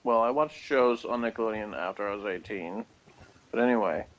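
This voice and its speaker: An American podcast co-host chats casually while reviewing a TV episode on a review show, laid-back, dry, and blunt. His voice is lowish and his pace brisk.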